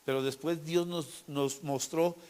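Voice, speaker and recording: Animated Mexican man telling a faith story. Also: a little high, unhurried. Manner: animated storyteller who acts out dialogue and keeps checking with "¿sí?"; repeats and restarts words. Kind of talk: personal faith testimony.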